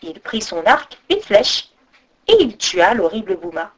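A woman reading a folk tale aloud as storyteller, expressive, with sung-out sound effects. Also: mid-range voice, a little slow. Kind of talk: storybook narration.

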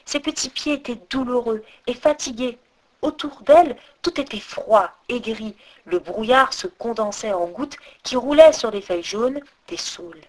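A woman reading a fairy tale aloud as storyteller, expressive and lilting. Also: on the high side, unhurried, low-quality recording.

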